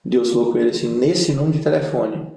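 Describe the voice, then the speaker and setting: A man's voice: medium pitch, fast talker, creaky. A young Brazilian man, a pastor, telling funny stories in a casual interview and acting out the voices of the people in them. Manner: animated comic storyteller, acts out quoted voices. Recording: echoey room.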